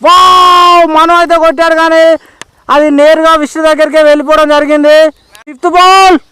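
Very high-pitched Telangana male cricket commentator. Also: fairly even intonation, fairly quick, bright, forceful tone, dry recording. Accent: Telangana Telugu. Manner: exclamatory, often repeats calls. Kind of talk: informal ball-by-ball commentary.

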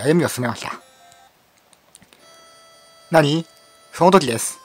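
A hoarse man with a lilt chats through a game, reading out its text and stumbling over words as he giggles. His pitch sits in an ordinary middle range, with soft game music faint underneath. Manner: giggles often, reads dialogue with stumbles and asides. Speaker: game streamer. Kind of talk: playful let's-play commentary reading game text aloud.

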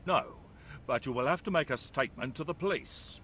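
An actor voicing a formal, slightly pompous museum attendant in a video game. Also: male voice, medium pitch, brisk, a bit bright, a little hiss or hum, lightly acted. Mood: formal courteous.

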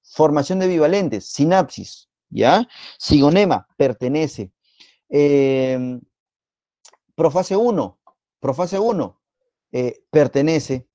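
A man with a Peruvian Spanish accent teaching a live online biology exam-prep class, quizzing students in a playful, teasing way and repeating words rapidly. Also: fairly high pitch, lively intonation, mellow, no room sound.

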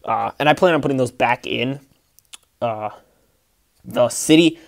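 A man's voice: medium pitch, measured pace, gravelly, no echo. A man hosting a casual vlog, showing off his Lego city and rambling with lots of fillers and restarts while filming it on a handheld phone. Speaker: Lego city builder and channel host. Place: indoor room with a large Lego table, behind the camera.

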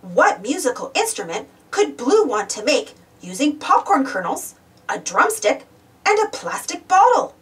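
In an animated read-aloud of a children's storybook, a woman exclaims and quizzes young listeners. She speaks a little slowly in a high, very animated, somewhat bright voice. She sounds distant from the mic.

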